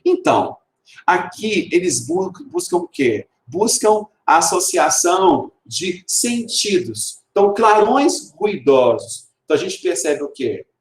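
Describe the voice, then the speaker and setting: Brazilian male teacher, lively explainer who slows down to read verse, somewhat high-pitched, recorded in an echoey room. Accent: Brazilian Portuguese. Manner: explanatory, asks rhetorical questions and answers them; reads verse slowly and stresses sounds. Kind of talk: recorded literature video lesson.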